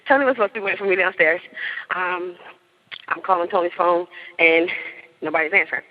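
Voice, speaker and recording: A woman's voice: on the low side, a little fast, narrow, tinny audio. A woman in her thirties telling a story in casual chat, laughing often and acting out what people said. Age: 30s. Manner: animated, laughs often, acts out quotes. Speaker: interviewee.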